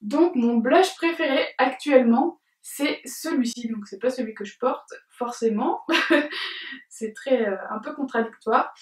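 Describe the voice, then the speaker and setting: A woman's voice: high voice, unhurried. A young woman chatting casually in a beauty tag video, hesitant with many fillers and giggles, filmed at home by a camera at some distance. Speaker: beauty vlogger. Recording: roomy sound from a distance.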